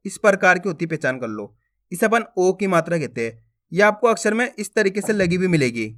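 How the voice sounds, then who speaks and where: A man teaching Hindi letters, saying each syllable slowly and loudly and often asking the viewer whether they have understood. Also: high-pitched, very animated. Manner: slow, drawn-out syllable drills with questions to the viewer. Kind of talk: lesson on reading Hindi letters.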